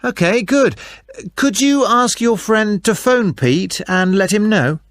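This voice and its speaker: A man playing a helpful, unhurried race organiser in a scripted phone dialogue, obliging and a little hesitant. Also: sits high, expressive, no echo, clean studio sound. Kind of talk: scripted listening-test dialogue.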